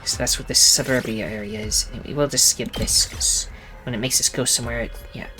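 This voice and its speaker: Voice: medium pitch, steady tone, a little fast, pushed and bright, soft background music, rough recording. A streamer narrating a visual novel in the first person, with casual asides in between. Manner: narrates in first person, breaks off to joke and laugh. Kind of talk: reading a visual novel aloud with commentary.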